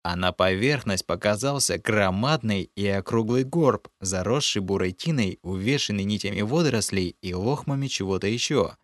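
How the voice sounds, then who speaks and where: A man narrating an audiobook in the first person, with steady storytelling. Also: on the low side, moderate pace, hardly any pauses, no echo, studio quality.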